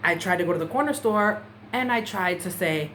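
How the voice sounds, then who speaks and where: A woman's voice: fairly low pitch, expressive, brisk, a bit bright. A woman vlogger talking casually about learning a language, chatty and full of "you know" fillers. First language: English. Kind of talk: casual talk to camera. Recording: faint background noise.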